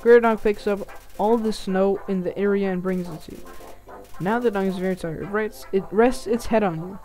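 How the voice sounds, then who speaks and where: A woman hosting a casual let's-play, reading the game's text aloud between quick reactions. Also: medium pitch, mellow. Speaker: gaming channel host.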